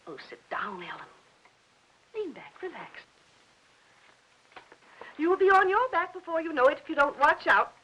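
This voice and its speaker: Casting: a prying older aunt, high bright voice, rambling fuss, 1950s film. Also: female voice, big pitch swings, a little slow, long pauses, a little hiss or hum, full character voice, low-quality recording. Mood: fussing chatter. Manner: rambling, prying, fussing talk. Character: fussy chattering older aunt, busybody.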